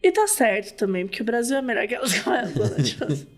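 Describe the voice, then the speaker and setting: Chatty Brazilian woman, higher voice. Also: huge pitch swings, quick pace. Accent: Brazilian Portuguese. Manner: chatty, giggly gossip. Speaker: podcast host. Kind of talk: casual chat.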